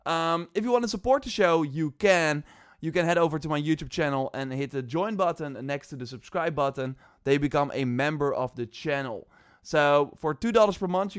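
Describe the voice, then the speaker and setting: Dutch guy hosting a podcast, chatty, lots of uh and restarts, clear voice. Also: fairly high pitch, dry recording, studio quality. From Netherlands. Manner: chatty, loose, many fillers and restarts. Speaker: podcast host. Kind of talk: casual podcast chat.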